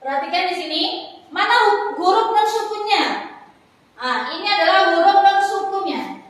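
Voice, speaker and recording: A woman teaching Quran recitation, explaining rules patiently and chanting each example slowly several times. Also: very high voice, lively intonation, fairly bright tone. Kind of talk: classroom lesson on recitation rules. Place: room in a foundation office, marking a board. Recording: echoey hall, voice far from mic.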